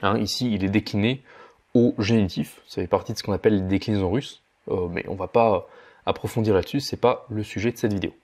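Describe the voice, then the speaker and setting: A man from France giving a vocabulary lesson in a voice-over, repeating each word slowly and stressing its syllables. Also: on the low side, fairly even intonation, darkish tone. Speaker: language teacher.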